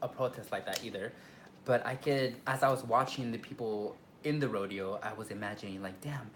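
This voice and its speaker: A man co-hosting a casual reflective chat, thinking aloud in halting, repeated phrases. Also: fairly low pitch. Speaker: drag queen reviewer, co-host. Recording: clear background room noise.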